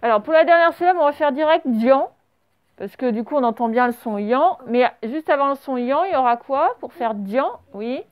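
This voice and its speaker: High-voiced teacher dictating words slowly. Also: female voice, animated, no echo. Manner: slow, clear dictation, spelling out letters and syllables. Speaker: primary school teacher. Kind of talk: classroom dictation lesson. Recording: slightly dull lo-fi recording.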